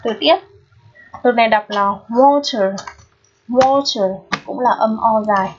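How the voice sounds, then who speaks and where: A woman teaching an English pronunciation lesson. She explains patiently and keeps checking in with her students through quick questions. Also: on the high side, fairly even intonation, slight background noise. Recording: dull lo-fi recording.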